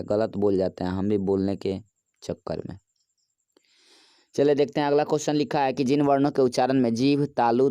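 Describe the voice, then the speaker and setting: A man's voice: mid-range voice, mellow, smooth, no echo, studio quality. Casual man teaching a quiz. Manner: casual, chatty, asks viewers for likes. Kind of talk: quiz lesson.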